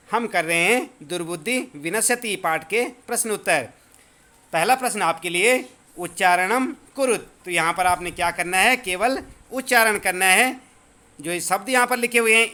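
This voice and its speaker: A male teacher explaining a school lesson to children, patiently repeating words slowly so they learn the pronunciation. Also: sits high, sharp tone.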